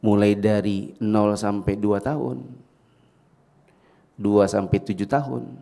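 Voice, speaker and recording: A man's voice: lowish voice, flat delivery, slow, vocal fry, mellow. A middle-aged man giving a parenting lecture in a mosque, talking casually, asking the audience questions and acting out parent and child exchanges. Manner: conversational, asks the audience questions and acts out child-parent dialogues. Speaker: ustadz giving a parenting talk.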